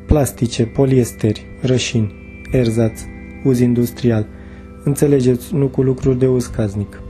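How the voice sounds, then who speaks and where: A man's voice: mid-range voice, fairly even intonation, mellow, soft background music, close to an everyday voice. A man reading the part of a reserved middle-aged businessman who answers politely but curtly. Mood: guarded. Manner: curt, polite, guarded.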